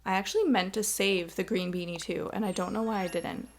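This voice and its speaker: A woman's voice: medium pitch, steady tone, a little fast, a little hiss or hum. A young woman with a Canadian accent, hosting a game video in a bubbly, chatty way and poking fun at herself. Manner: bubbly, chatty, self-deprecating. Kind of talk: casual chat over gameplay.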